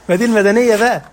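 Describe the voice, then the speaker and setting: A man with an Egyptian Arabic accent delivers a sermon with Quran recitation, interpreting verses through rhetorical questions and joking asides. His voice sits high, and there's a little hiss or hum in the recording.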